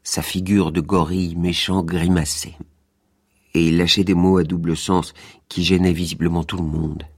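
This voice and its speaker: A man reads a literary story aloud in a measured, expressive storyteller's manner. His voice is very deep and gravelly, with a husky grain. The recording is close and dry. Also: no room sound. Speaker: narrator.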